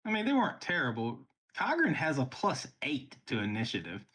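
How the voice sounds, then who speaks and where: A man's voice: medium pitch, wildly swooping pitch, a little fast, a bit bright, breathy edge. A man playing in a tabletop game, chatty and joking about his characters. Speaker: player. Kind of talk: casual game banter.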